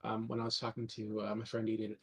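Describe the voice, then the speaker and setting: A man in a casual online debate whose halting speech is heard again as a faint, delayed echo played back through the call. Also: fairly low pitch, monotone, vocal fry, slight background noise. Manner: halting, with fillers. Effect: faint echo of his own speech played back through the call. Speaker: debate panelist. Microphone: online call audio.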